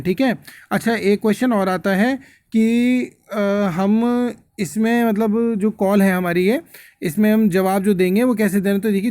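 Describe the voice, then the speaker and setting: A quiz-prep tutor hosting his own channel explains things to viewers in a casual, instructive way, mixing in English words and repeatedly asking "okay?" to check they're following. His voice is high and a little mellow, on a dry recording.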